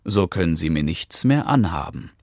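A man's voice: sits low, sing-song, normal speed, dry recording, clean studio sound. A man playing a sly, smug fox. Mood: scheming. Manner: smug, soft and mocking. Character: sly clever male fox, mock-polite.

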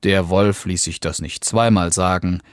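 Male narrator, fairy tale reading, slow calm pace, lowish voice, dry close sound. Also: clean tone, no echo. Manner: calm, unhurried storytelling.

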